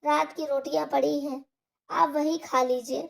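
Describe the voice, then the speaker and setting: A woman's voice: sits high, steady tone, a little slow, gravelly, full character voice. A woman voicing a busy, offhand younger daughter-in-law in a storybook tale.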